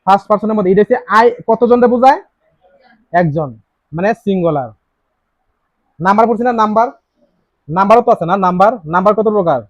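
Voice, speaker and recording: A man with a high-sitting voice teaches a grammar lesson with a tinge, quizzing students with many questions and repeating key words. He talks at a quick pace with long pauses, and the lo-fi recording is dry, slightly dull and echo-free.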